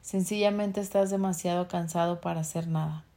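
Woman reader, warm mellow voice, reads self-help text aloud, corrects her own slips. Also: fairly low pitch, fairly even intonation. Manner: unhurried reading with small slips and self-corrections. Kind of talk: reading a book aloud.

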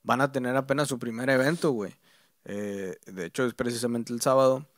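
A young man with a Mexican accent, co-hosting a podcast in relaxed, slangy casual chat. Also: mid-range voice, no echo, clean studio sound. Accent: Mexican Spanish. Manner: relaxed slangy talk, drawn-out pauses. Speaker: podcast co-host.

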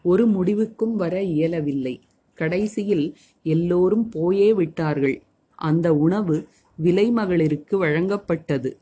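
A woman narrates a devotional text in a calm, measured reading. Her delivery is unhurried and her tone is soft and dark, with a slightly husky edge. She sits a little low in her range.

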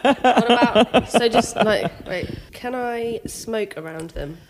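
Slow-talking woman, chatter behind. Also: on the high side. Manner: self-mocking, joking, slow and nervous. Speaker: podcast guest. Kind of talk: casual chat.

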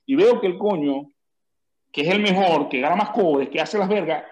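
A man's voice: high-pitched, moderate pace, a little mellow. A man arguing hard in a casual podcast debate, repeating his points over and over. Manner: insistent, repeats himself over and over. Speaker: podcast co-host.

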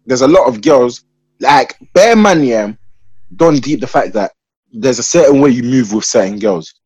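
Young man, London roadman accent, husky, dry close sound, slangy, emphatic, opinionated casual chat. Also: mid-range voice, lively intonation, moderate pace, a little mellow, no echo, low-quality recording. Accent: London roadman, multicultural urban slang. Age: young adult. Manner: emphatic, opinionated, repeatedly checking he is understood.

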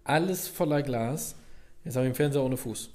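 A man co-hosting a casual podcast, telling an everyday mishap in an animated, exasperated way. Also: mid-range voice, brisk. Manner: animated storytelling, exasperated complaints. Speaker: podcast co-host. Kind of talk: casual chat.

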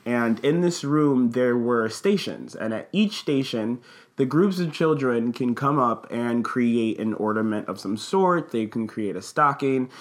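A man's voice: medium pitch, a bit bright. A man who works at a school, telling a casual story in a rambling, earnest way with many fillers. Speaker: school staff member.

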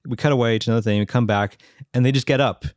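Male co-host, quick and easygoing, lowish voice in a dry room, agrees a lot. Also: steady tone, no room sound. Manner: agreeable, says yeah a lot, quick rambling. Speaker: podcast co-host. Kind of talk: casual movie review chat.

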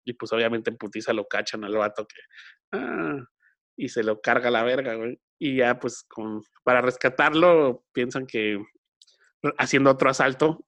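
A man with a Mexican accent chatting casually as a podcast co-host, full of slang and putting on quick voices in quotes. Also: mid-range voice, fairly bright tone. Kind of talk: casual chat.

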